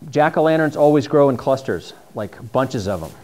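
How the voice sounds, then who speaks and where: Here a mushroom foraging instructor, a middle-aged man with a New England accent, gives a casual, slide-based class in a dim room with a projector screen. His medium-pitched voice is expressive and a little mellow, moving at normal speed, and he comes across as chatty and enthusiastic. A distant camera captures him.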